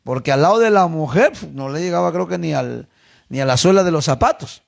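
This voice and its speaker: A man preaching a sermon as pastor, telling a personal story and addressing his listeners as brothers, dropping low and then rising to emphatic repeated questions. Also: lively intonation, fairly quick, vocal fry.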